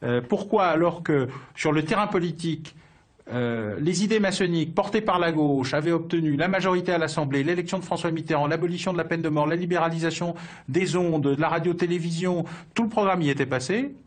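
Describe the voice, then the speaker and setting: A man's voice: on the high side, fairly quick. A man answering in a documentary interview, hesitant with frequent fillers. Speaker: interviewee, expert.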